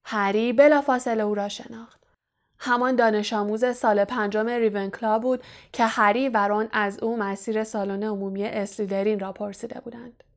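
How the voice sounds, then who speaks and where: A woman narrating an audiobook in a measured, even reading style. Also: a little high. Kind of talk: scripted narration.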